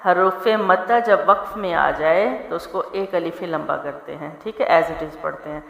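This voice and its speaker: A woman teaching tajweed rules, spelling out letters and vowel marks and drawing out the recited words slowly, often asking if her listeners follow. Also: on the low side, creaky, a bit bright. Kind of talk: tajweed lesson. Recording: echoey room with long reverb.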